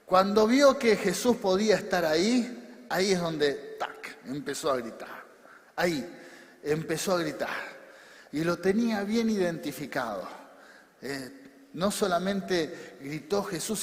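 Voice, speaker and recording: A man pastor with a Rioplatense Spanish accent preaching a sermon, swinging between shouted calls and quiet drops. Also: sits high, lively intonation, unhurried. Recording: long hall reverb.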